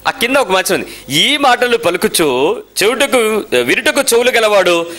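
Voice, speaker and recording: A man preaching a lively sermon in church, firing rhetorical questions at his listeners and slipping English phrases into his speech. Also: high-pitched, normal speed. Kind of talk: sermon to a congregation.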